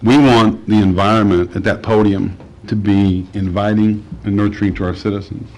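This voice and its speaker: Brief: male councilman, lowish voice, measured and a bit halting, chamber desk mic. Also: level tone, darkish tone, poor audio. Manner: measured, starts with halting fillers. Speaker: council member. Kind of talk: remarks at a council meeting.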